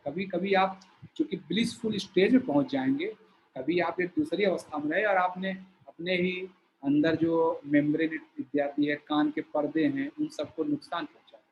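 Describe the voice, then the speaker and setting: A man teaching a yoga breathing exercise, explaining slowly while he shows each step. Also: a little high, muffled recording, a little hiss or hum. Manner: slow, explanatory, shows movements while talking.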